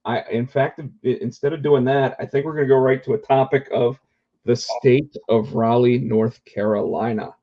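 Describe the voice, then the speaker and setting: A man's voice: mid-range voice, fairly even intonation, normal speed, highs cut off. A man co-hosting a casual talk show remotely from home, chatting conversationally. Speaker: podcast co-host. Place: indoors at home, remote call.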